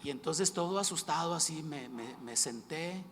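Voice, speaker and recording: Predicador mexicano que narra su testimonio. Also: male voice, a little high, animated, moderate pace, slight background noise. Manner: storytelling, swings between hushed retelling and loud emphatic bursts. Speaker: pastor. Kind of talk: sermon with personal testimony. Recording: echoey hall with faint ambience.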